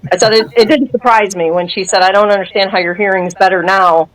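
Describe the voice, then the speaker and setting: Over low-quality audio, a guest in her fifties tells her story fast in a mid-range voice during a relaxed interview. She brings her testimony to life by performing the quoted dialogue, laughing frequently along the way.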